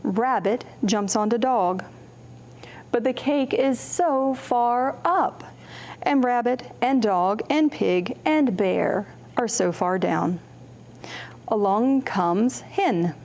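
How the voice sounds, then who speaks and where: A slightly high-voiced woman reads slowly to children as the librarian hosting storytime. She brings the picture books to life expressively, acting out contrasts vocally, and checks in with the kids through simple questions.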